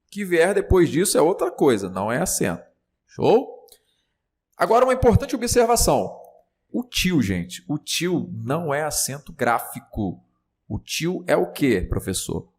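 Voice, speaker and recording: A man with a Brazilian Portuguese accent teaching a grammar lesson in a chatty classroom style, often checking in with his students. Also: medium pitch.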